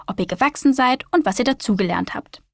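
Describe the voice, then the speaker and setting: A woman voicing a kind female receptionist at a doctor's office in a children's story, gentle and explaining. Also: fairly high pitch, lively intonation, a little fast, gravelly, no room sound, clean studio sound. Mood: friendly.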